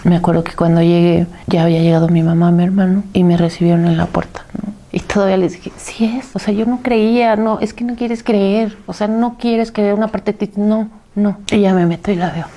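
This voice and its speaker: A middle-aged woman with a Mexican accent, a bereaved mother giving a halting, tearful testimony that often sinks to a whisper. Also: medium pitch, steady tone, warm tone. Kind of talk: personal testimony.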